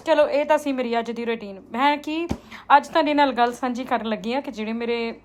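Indian lady vlogger chatting super quick in a high voice, confiding like she's with her girlfriends. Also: a little hiss or hum. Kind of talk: casual chatty vlog storytelling.

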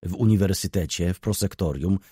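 Man reading sly young student, suave and mock-polite, low voice, dry audiobook. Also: a little fast, dark tone, slightly rough, no room sound.

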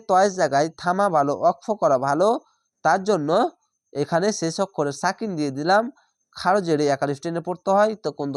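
A man with a Bangladeshi Bengali accent teaching Quran reading, spelling out letters and vowel marks one by one and then reciting slowly. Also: on the high side, no room sound, clean studio sound.

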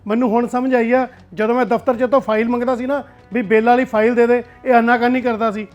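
A man's voice: very high-pitched, flat delivery, quick pace, lo-fi sound, faint music behind. A man playing a furious betrayed son. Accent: Punjabi. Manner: heated, agitated complaining. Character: angry grown son betrayed by his brother. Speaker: actor in a family web drama.

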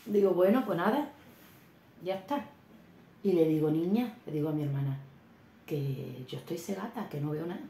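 A middle-aged woman, chattily telling a personal anecdote in a casual vlog, animated and full of exclamations. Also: fairly low pitch, moderate pace, pauses often, a little hiss or hum. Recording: echoey room with faint ambience.

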